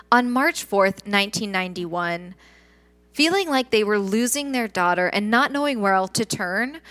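A woman's voice: medium pitch, a bit bright. Woman narrating true crime.

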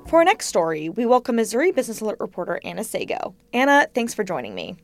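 A woman's voice: on the high side, huge pitch swings, quick pace, soft background music. A woman hosting a business news podcast, introducing stories and asking questions. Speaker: podcast host.

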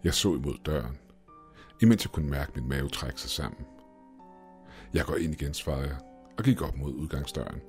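A man reads a first-person horror story in a very deep, low voice. His delivery is steady and measured. Soft music plays faintly behind him. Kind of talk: scripted horror story narration.

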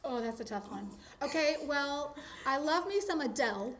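A woman talking casually in an interview, chatty and animated, with lots of likes and ums. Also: high-pitched, moderate pace, slight background noise. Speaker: interviewee, teacher.

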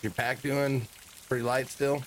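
A man's voice: mid-range voice, steady tone, a little slow, slight background noise. Joking, cursing man playing a tabletop game. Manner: joking, complaining, swears freely. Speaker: tabletop player. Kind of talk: casual in-character game banter.

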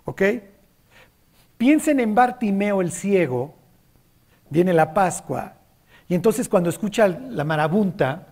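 A Bible teacher leads a group study. The speaker keeps checking that everyone follows and slips into lively acted-out voices for the scripture quotes, at an even, middle pitch. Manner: keeps checking in with listeners, acts out biblical quotes.

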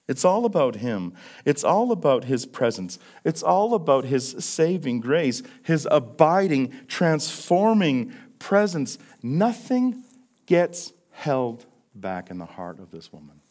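Pastor preaching with big dramatic swings. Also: male voice, medium pitch, big pitch swings, unhurried. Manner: dramatic swings between loud emphasis and hushed questions; repetitive rhetorical questions, frequent "right?". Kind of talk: sermon.

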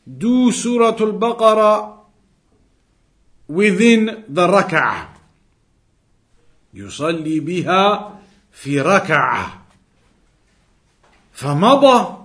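During an Islamic lesson, this teacher reads passages aloud and works through their meaning carefully, echoing key phrases to stress them. He has a high voice.

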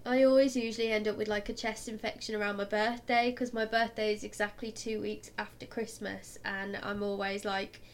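A woman co-hosting a podcast in casual chat, with a croaky voice from being ill and a giggly, jokey manner. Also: mid-range voice, flat delivery, moderate pace, few pauses. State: poorly with flu or cold. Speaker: podcast co-host.

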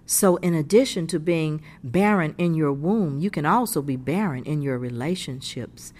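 A woman's voice: deep voice, a little mellow. A woman giving a scripted devotional message in an earnest, encouraging way. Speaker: devotional speaker.

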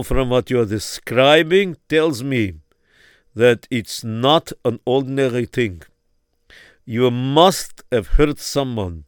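A man playing a grave, insistent rabbi who slows down to press his points. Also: mid-range voice, no room sound, studio quality. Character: stern, solemn male rabbi advising a father.

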